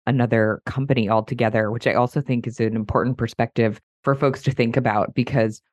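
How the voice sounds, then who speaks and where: A middle-aged woman hosts a podcast while hoarse from a cold, her voice worn thin. She talks in a chatty, upbeat way, easy and enthusiastic. The sound is dry and close, with no room around it. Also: rumbling low, steady tone, fairly quick, a little mellow, dry recording. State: hoarse from a cold, voice mostly lost. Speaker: podcast host. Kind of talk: casual podcast intro.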